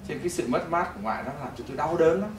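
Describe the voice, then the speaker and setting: A middle-aged man giving a testimony sermon in a church hall, telling his story in an animated way that swings between loud bursts and hushed moments. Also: on the high side, rapid-fire, noisy background. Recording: echoey hall, mic at a distance.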